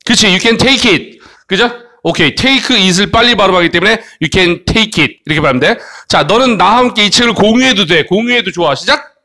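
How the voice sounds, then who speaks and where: Male kids' English teacher, high bright voice, coaxing, keeps checking in. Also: lively intonation, fairly quick. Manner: coaxing, frequent tag questions. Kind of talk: online English lesson for children.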